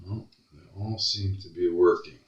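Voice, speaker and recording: A man's voice: low-pitched, fairly even intonation, a little slow, distant mic, muffled recording. A man repairing a guitar at his workbench, muttering to himself and grumbling as he works. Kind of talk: workbench commentary. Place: workshop bench. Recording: echoey room, voice off-mic.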